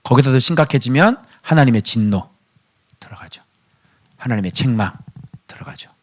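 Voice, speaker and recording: Preaching with an animated, medium-pitched voice at a normal pace, this middle-aged pastor swings from quiet whispers to loud pleas. He constantly puts rhetorical questions to his congregation.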